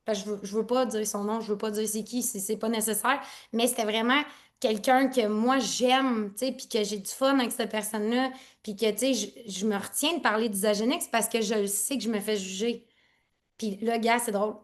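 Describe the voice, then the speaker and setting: A woman with a lively Quebec French accent leads an online training session, talking fast and loosely and jumping between thoughts. Her voice sits a little high, and she laughs often. The sound comes through a laptop on a video call. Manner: excitable, rambling, laughs often. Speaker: network marketing team leader. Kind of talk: live online training talk.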